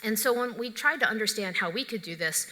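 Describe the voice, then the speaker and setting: A woman's voice: mid-range voice, expressive, fairly quick, bright, forceful tone. A middle-aged woman physician giving a conference lecture, conversational and opinionated, with joking asides. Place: large conference hall. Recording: echoey lecture hall.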